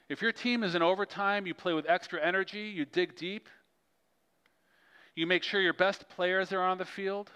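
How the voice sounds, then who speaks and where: Man preaching in a reverberant church hall. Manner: storytelling, animated swings in pitch and loudness. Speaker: pastor. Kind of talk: sermon.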